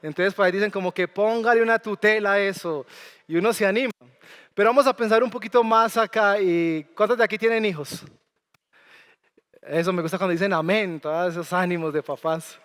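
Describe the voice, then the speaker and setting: A man's voice: high voice, fairly quick, fairly bright tone, smooth. A man preaching a sermon as pastor, talking with the congregation and asking them questions. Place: church sanctuary. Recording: long church hall reverb.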